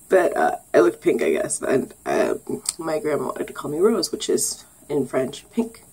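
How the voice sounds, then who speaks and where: A woman's voice: sits low, wildly swooping pitch, measured pace, vocal fry, pauses often, mellow, slightly rough, rough recording. A young woman vlogging casually, rambling and giggling, with lots of ums and sarcastic asides. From Canada. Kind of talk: casual get-to-know-me vlog.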